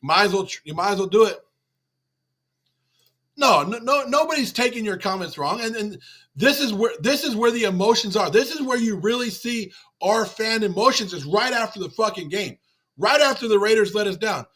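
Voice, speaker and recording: A man's voice: high-pitched, lively intonation, normal speed, a bit bright, husky. A man hosting a livestream after a game, talking emotionally and repetitively as he reads and answers chat comments. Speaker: fan channel host on a livestream. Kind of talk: livestream postgame rant.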